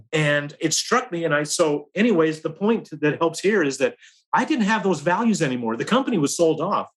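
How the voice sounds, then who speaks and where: A middle-aged man, a career advisor, telling a long work story as a podcast guest with lively swings in his delivery. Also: fairly high pitch, low-quality recording. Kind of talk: storytelling in interview.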